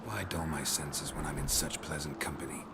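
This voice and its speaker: An actor playing a gruff middle-aged male monster hunter who speaks in short, dry lines in a video game. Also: rumbling low, normal speed, very noisy. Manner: terse, dry. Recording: game audio over loud music.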